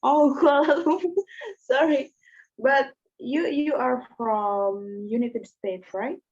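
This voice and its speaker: A woman learning English who asks questions in careful, halting English on a video call. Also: high-pitched, fairly even intonation, darkish tone. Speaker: student in an English conversation class. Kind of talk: casual video-call chat. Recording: muffled video-call audio.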